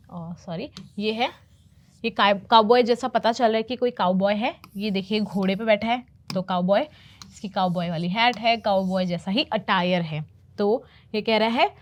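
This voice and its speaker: A woman teaching English, patiently explaining movie phrases and repeating them slowly. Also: a little high. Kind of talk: explaining movie lines in a lesson.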